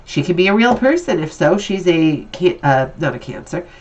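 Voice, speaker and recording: A woman's voice: lowish voice, big pitch swings, moderate pace, muffled recording. A woman with a stuffy, nasal voice from allergies, giving an upbeat and encouraging tarot reading in a casual, chatty way. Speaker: tarot reader.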